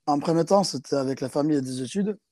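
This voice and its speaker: With a crowd audible behind him, a South African man with a slightly high voice talks quickly in a casual interview. The rugby player stumbles through French as a second language, hesitating, restarting, and using many fillers.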